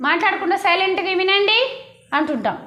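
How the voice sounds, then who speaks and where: A woman's voice: extremely high pitch, lively intonation, fast talker, sharp tone, echoey room, lo-fi sound. A woman teaching a primary school class, coaxing the children to repeat after her. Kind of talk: classroom lesson.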